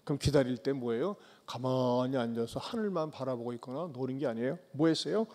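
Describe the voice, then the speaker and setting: A man preaching a sermon as pastor, tossing rhetorical questions at the congregation and swinging between loud calls and soft low asides. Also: fairly quick. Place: church sanctuary. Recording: long church hall reverb.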